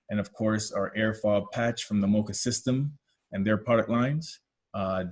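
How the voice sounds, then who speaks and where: A Canadian-accented man acting as technical lead presents a product webinar, walking through it step by step. His voice is lowish and a little mellow, and he often uses fillers and corrects himself.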